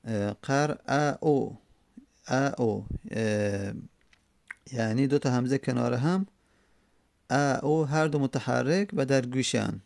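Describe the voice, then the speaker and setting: A man with a gravelly, rough-edged voice explains grammar rules in a lesson. He talks slowly and repeats examples sound by sound, often pausing with drawn-out fillers. The recording is close and dry, with no room echo. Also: medium pitch, a little mellow. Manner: slow, repeating each example syllable by syllable; hesitant, many drawn-out fillers. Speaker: teacher. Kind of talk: explaining an Arabic grammar text.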